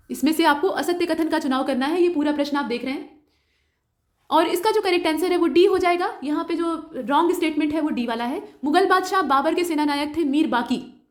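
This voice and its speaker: A woman tutor talks through quiz questions at a brisk clip, her voice sitting high. She lays out each answer option one by one and slips English terms into her explanations. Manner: mixes English terms into Hindi. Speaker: exam prep tutor.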